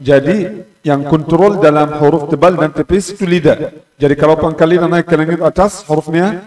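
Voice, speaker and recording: A man teaching Quran pronunciation, explaining calmly and drawing out syllables again and again to demonstrate them. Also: on the high side. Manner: slow and patient, repeating letters and syllables to demonstrate pronunciation. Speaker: tajwid teacher. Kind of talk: Quran recitation lesson. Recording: roomy echo, distant mic.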